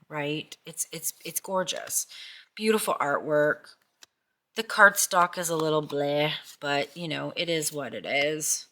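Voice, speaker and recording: A woman's voice: low voice, pushed and bright. A middle-aged woman chatting casually about tarot decks, gushing and often repeating herself. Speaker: tarot vlogger. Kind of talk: casual chat.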